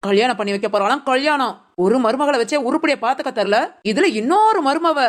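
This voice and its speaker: A woman's voice: high-pitched, expressive, fairly quick. A woman voicing a feisty, loyal village friend in a cartoon, speaking in an indignant, protective way. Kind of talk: cartoon voice acting.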